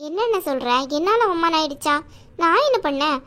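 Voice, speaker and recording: A defensive younger sister in a cartoon, protesting and pleading. Her voice is extremely high and thin. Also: lively intonation, brisk, a bit bright. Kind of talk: animated cartoon voice acting.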